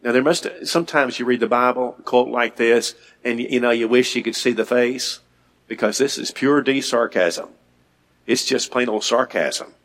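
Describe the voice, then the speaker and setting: A man preaching a Bible lesson, reading scripture aloud and getting louder and higher when he stresses a point. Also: moderate pace. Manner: reads scripture aloud, rises in pitch and volume for emphasis.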